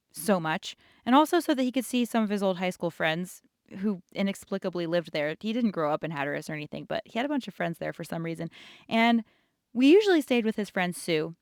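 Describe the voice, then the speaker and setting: A woman's voice: medium pitch, clear, resonant tone, no room sound, clean studio sound. A young woman casually telling rambling childhood stories while sketching, laughing often. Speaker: art channel host.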